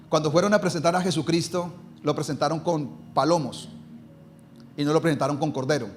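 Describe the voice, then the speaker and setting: A man preaches from the pulpit with a fairly high voice. He talks emphatically and draws out his key lines to drive them home, with a faint room murmur behind him. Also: slight background noise. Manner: emphatic preaching, slowing and rising on key phrases. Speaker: pastor. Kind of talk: sermon.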